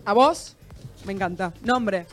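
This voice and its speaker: Brief: young Argentine woman co-host, animated melodic delivery, faint music underneath. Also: mid-range voice, slow pace. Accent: Argentine Rioplatense. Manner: playful, teasing, laughs often. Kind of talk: casual live-stream chat. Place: streaming studio with live audience.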